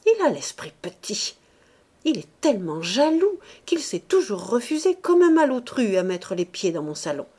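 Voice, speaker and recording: A woman's voice: sits high, sing-song, unhurried, a little mellow, voice pushed up, exaggerated voice. Woman voicing an indignant old bourgeois lady. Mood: indignant lament. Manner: indignant, plaintive. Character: elderly bourgeois mother, lamenting, self-righteous.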